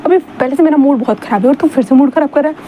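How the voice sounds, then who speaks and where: A woman's voice: high-pitched, racing, lightly acted. A woman voicing an impatient, teasing young man scolding his roommate. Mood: irritated. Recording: dull lo-fi sound, faint hum.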